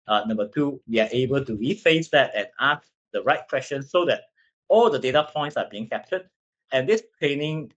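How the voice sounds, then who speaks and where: A man with a Cantonese accent, a native Cantonese speaker, giving a slide presentation in halting English and often tagging sentences with a questioning check. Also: medium pitch, a bit bright, breathy edge, highs cut off. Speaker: company presenter.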